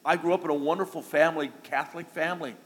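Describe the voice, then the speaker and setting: A middle-aged pastor preaches to his church in a folksy, conversational style, sprinkling in asides and little jokes. His voice sits on the high side, with fairly even intonation and a fast pace. The recording carries the long reverb of a church sanctuary and some faint noise.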